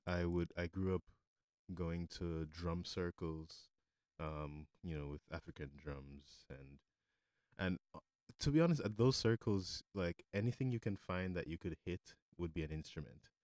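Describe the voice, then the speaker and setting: A man from Jamaica, a musician, answering interview questions in a relaxed, thoughtful way with many fillers. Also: low voice, unhurried, dry recording, clean studio sound. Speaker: musician guest.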